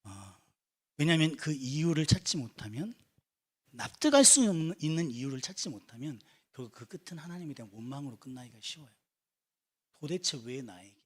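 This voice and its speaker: A man's voice: a little high, big pitch swings, fairly quick, slightly rough. A young man preaching a sermon to a church youth group, earnest and conversational, with rising emphatic peaks. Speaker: youth pastor.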